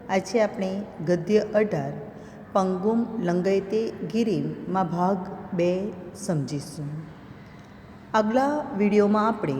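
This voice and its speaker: A woman teacher with a mellow, dark voice walks students through a story, expressive and drawn out on the moments she wants to land. She sounds like she is in a bare room with a long, ringing echo. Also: mid-range voice, a little hiss or hum. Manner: expressive storytelling, slows down for emphasis. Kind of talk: explaining a school literature lesson. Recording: echoey room with long reverb.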